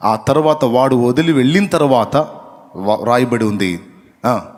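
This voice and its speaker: A man preaching a sermon at an even middle pitch, reading scripture aloud and putting questions to the congregation. He repeats key phrases to drive them home. His voice rings out with the long reverb of a large hall. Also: unhurried.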